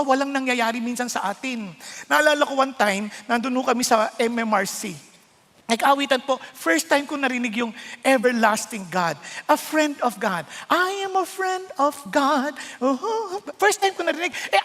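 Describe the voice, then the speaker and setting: A man preaching a sermon, animated and questioning his listeners, slipping into quoted voices. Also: extremely high pitch, in a large hall.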